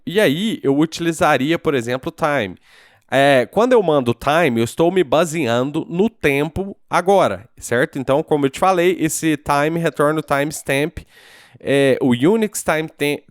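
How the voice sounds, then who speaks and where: A man's voice: mid-range voice, clean tone, dry recording, studio quality. A man with a Brazilian Portuguese accent giving a casual programming screencast tutorial, thinking aloud and checking in with the viewer after each step. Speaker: programming teacher.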